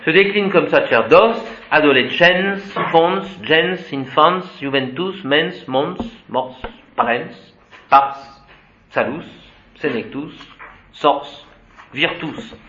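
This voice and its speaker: A man's voice: a little high, slow pace, pushed and bright, slight background noise. A man teaching a Latin class, reciting declensions methodically and adding short asides. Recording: dull, roomy classroom recording.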